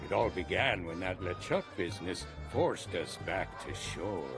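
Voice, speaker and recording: A low, animated man's voice, a little slow, plays a weathered, chatty pirate lounging in a tavern in a video game, spinning tales in a drawling storyteller's way. He is a non-player character, heard in game audio with a music bed.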